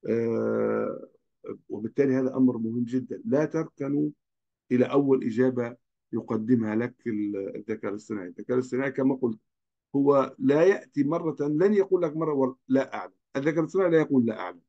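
A man's voice: mid-range voice, fast talker, creaky, mellow, dull audio. A man from Libya, giving a recorded course lecture to students in an earnest, cautionary way.

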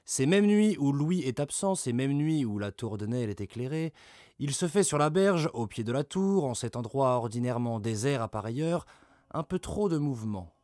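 A man's voice: medium pitch, expressive, normal speed, no echo, studio quality, natural voice. Man voicing a raging, blustering medieval lord. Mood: scheming. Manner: loud, coarse and vehement. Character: brawny furious medieval male lord, blustering.

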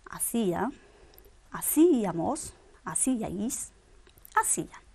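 A woman's voice: mid-range voice, a little mellow, breathy edge. A woman teaching a grammar lesson, drilling verb forms one by one with patient quiz questions. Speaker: Spanish teacher.

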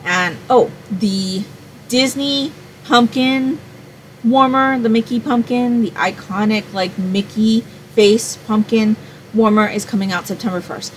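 A woman's voice: a little high, a little slow, a little hiss or hum, low-quality recording. A woman in her forties, from Hawaii, chatting to camera as a home fragrance vlogger in a small room at home, rambling and thinking aloud. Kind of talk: casual chat to camera.

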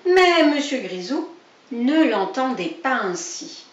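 A woman's voice: sits high, big pitch swings, slow. A woman reading a children's story aloud, expressively, speaking directly to a child. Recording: dull, roomy, distant recording.

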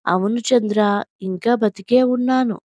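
A woman voicing a weary woman who answers flatly and without emotion, in a storybook reading. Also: a little high, unhurried, no room sound, highs cut off. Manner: flat, emotionless. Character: weary woman hiding her past, emotionless.

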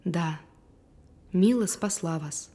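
An actress playing a calm, reassuring woman therapist who speaks in a measured, probing way in an audio drama. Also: fairly low pitch, slightly rough, exaggerated voice.

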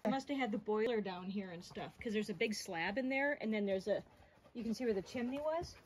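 A woman's voice: medium pitch, fairly quick, a little mellow, a little hiss or hum, rough recording. A middle-aged woman chatting on a forest hike, explaining what she sees and wondering aloud, recorded outdoors. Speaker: hiking companion. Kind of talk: casual hiking chat.

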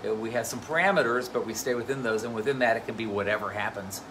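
A man who plays bass and directs a band, telling stories in a casual live question-and-answer chat, loose and full of fillers. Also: fast talker, noisy background. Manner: chatty, anecdotal, loose with fillers. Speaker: bassist and band musical director.

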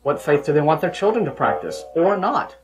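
A man's voice: on the high side, wildly swooping pitch, fast. A man in his thirties co-hosting a call-in show, talking casually and giving his opinions in a conversational way. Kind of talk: casual panel talk. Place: small TV studio.

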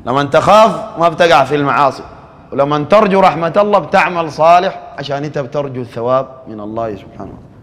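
A man's voice: on the high side, animated, fast talker, fairly bright tone, big-room sound. A man with a Sudanese Arabic accent giving a sermon in a conversational preaching style, acting out quoted dialogue.

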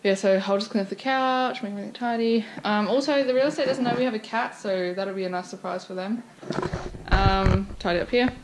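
A young woman gives a relaxed, rambling tour of her messy family house, talking to a handheld camera as a vlogger. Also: mid-range voice, a little fast. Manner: relaxed, rambling, frequent ums and likes. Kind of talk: casual house-tour chat. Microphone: wide-angle action camera carried by hand. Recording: audible background noise.

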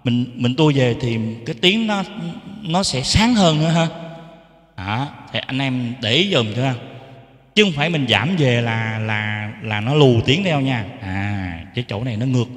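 A man's voice: mid-range voice, lively intonation, measured pace, fairly bright tone. A man gives a casual how-to lesson on keyboard mic settings. He explains each setting and tests the mic with short sung syllables. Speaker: keyboard sound tutor. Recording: echoey room with long reverb.

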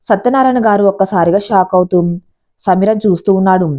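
Brief: female storyteller, steady scripted narration, warm dark tone. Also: medium pitch, fast.

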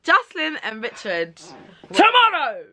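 A woman's voice: high-pitched, huge pitch swings, measured pace, sharp tone. A young woman vlogging in casual chat, playful and chatty, filmed on a phone held close. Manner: playful, chatty, laughs often.

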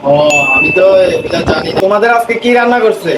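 A man with a high voice and a Feni Bengali accent hosts in a casual, chatty vlog style. He sounds roomy and echoey, with some noise behind him. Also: fast talker. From Feni, Bangladesh. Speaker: video host asking questions. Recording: distant, echoey room with background noise.

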